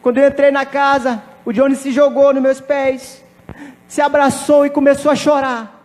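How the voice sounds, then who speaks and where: A pastor preaching a sermon, telling a personal testimony with emphatic repetition. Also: male voice, extremely high pitch, little pitch movement, moderate pace, a little mellow, in a large hall. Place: church.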